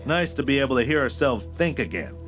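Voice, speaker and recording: An actor playing a friendly, slick male marshal who talks in a relaxed, joking way. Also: medium pitch, fairly quick, close to an everyday voice. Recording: game audio with music.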